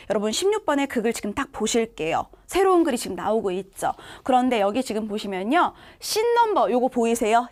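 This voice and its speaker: A woman with a high voice teaches a recorded online lecture. She stays animated and talks straight to her students as she works through a script passage. She keeps a lively, engaged manner throughout. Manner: animated, addresses students directly. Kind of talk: online exam-prep lecture.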